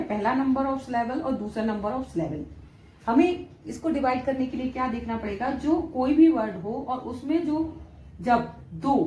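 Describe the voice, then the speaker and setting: A woman's voice: a little high, dark tone. A young woman teaching with an Indian accent, explaining step by step and checking with frequent questions. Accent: Indian English. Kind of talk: classroom-style English lesson. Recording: echoey room, faint background noise.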